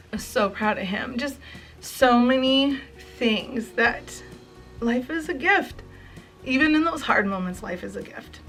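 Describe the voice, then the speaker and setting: A woman's voice: on the high side, a bit bright. A woman in her forties speaks earnestly to her viewers in a heartfelt home vlog, emotional and close to tears, full of thanks. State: near tears. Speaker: home and craft vlogger.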